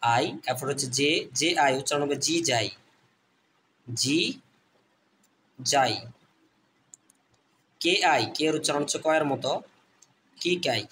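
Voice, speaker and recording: A man teaching English reading online, repeating letter sounds slowly and addressing viewers as friends. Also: mid-range voice, fairly bright tone, slight background noise. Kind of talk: phonics lesson.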